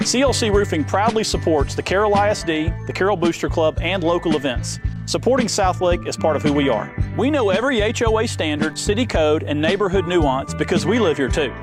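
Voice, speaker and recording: A man's voice: sits high, expressive, brisk, over music. A man reading a scripted advertisement as the owner of a local business. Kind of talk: scripted ad read.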